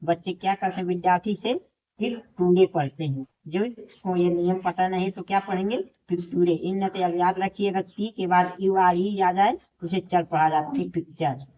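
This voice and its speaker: Low, dark-voiced woman teaching English pronunciation. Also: fairly even intonation, moderate pace. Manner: spells out letters one by one, then repeats the correct word. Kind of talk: classroom lesson. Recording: dull lo-fi recording.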